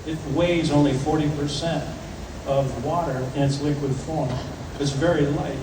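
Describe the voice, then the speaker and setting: Higher-voiced male captain in a noisy echoey venue. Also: steady tone, a little slow. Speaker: ship's captain. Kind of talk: informal question-and-answer talk to an audience. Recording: echoey venue, distant, clearly noisy ambience.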